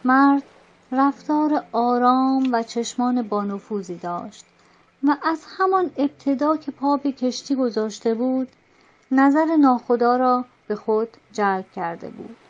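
A woman narrating a novel as an audiobook in a measured, dramatic storytelling manner. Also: sits high, expressive, lo-fi sound. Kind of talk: scripted narration.

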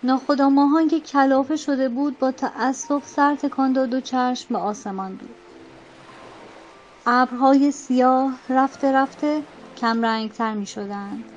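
A woman narrating a novel as an audiobook in a measured, dramatic storytelling manner. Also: sits high, steady tone, darkish tone, muffled recording, faint music behind. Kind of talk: scripted narration.

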